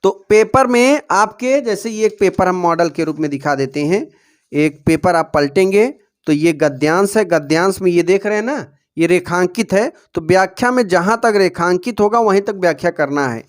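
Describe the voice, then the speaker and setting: High-voiced male teacher explaining exam answers. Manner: addresses students as dear children, repeats prompts to pay attention; recites verse slowly and deliberately. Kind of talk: exam-prep lesson for students.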